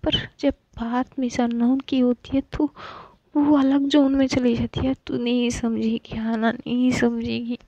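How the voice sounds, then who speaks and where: A tearful young woman in love stammers and pleads, her voice higher than usual and breathy, as a woman narrator acts her out. The sound is dull and muffled, like a home recording. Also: little pitch movement, measured pace, dark tone, no room sound. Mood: anguished.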